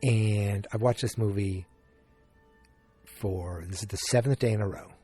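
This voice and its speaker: Soft background music accompanies this solo podcast host, a man from Massachusetts with a Boston accent. His fairly low, mellow voice moves at a measured pace while he rambles, self-interrupts, restarts, and drops in frequent fillers.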